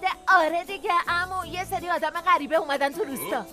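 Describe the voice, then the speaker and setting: A woman playing an excitable village boy who calls for help urgently. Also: extremely high pitch. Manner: breathless, urgent. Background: music.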